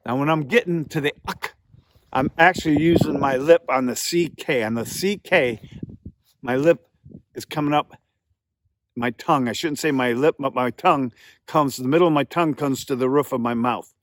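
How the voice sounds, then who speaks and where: A man's voice: medium pitch, moderate pace, no room sound. A man giving a hands-on beginner tutorial as a calling instructor, explaining patiently and repeating himself as he demonstrates.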